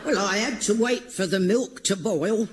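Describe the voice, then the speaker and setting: A man's voice: high-pitched, normal speed, very noisy, lightly acted. Mrs Hudson, a man voicing a gossipy housekeeper. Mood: chatty. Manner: chatty and blunt. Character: gossipy middle-aged female housekeeper, blunt and cheeky. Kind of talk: comic radio play acting.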